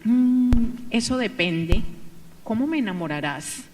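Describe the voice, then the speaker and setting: A coy, fussy little cockroach lady with a sing-song way of talking, as a woman storyteller puts her on. Her voice sits a little higher than the teller's own and is lifted playfully. It carries through an echoey hall from far off. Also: lively intonation, slow, a little mellow, a little hiss or hum. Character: small vain female cockroach looking for a husband. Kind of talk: oral storytelling.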